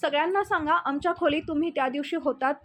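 Scheming, accusing young wife from a TV serial, pressing her point hard, read out by a high-voiced woman narrator. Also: quick pace, lightly acted. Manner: accusing, insistent.

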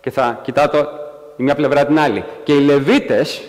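A man preaching a sermon in a church, animated and acting out quotes in a raised voice. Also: mid-range voice, big-room sound. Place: church hall.

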